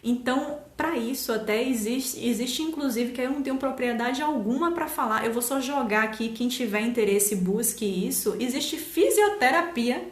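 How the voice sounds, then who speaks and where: A nutritionist from Salvador, Brazil, hosts a live stream in Bahian-accented Portuguese, her slightly high voice animated and at normal speed with hardly any pauses. She explains casually, leans on plenty of fillers and laughs easily, and the room sounds reverberant.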